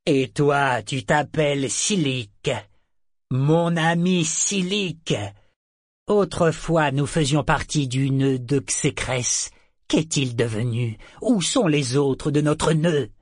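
A great cobalt-blue sea serpent, all roaring hunger and fury, as a man reading a story puts him on. He bellows each word loud and high in a slow, husky, dry voice, well above a plain talking voice. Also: dry recording. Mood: furious. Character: huge cobalt-blue male sea serpent, ravenous and furious.

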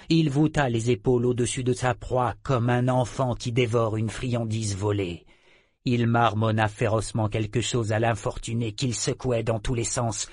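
A man narrating a novel as an audiobook in a dramatic, expressive reading. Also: mid-range voice, no room sound, clean studio sound.

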